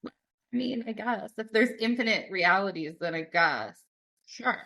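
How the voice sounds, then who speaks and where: A woman's voice: mid-range voice, lively intonation, a little slow, vocal fry, pushed and bright. A young woman hosting a podcast, chatting and telling stories in a rambling way, full of "like" and casual swearing. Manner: rambling, lots of "like", swears freely. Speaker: podcast host. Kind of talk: casual chat and storytelling.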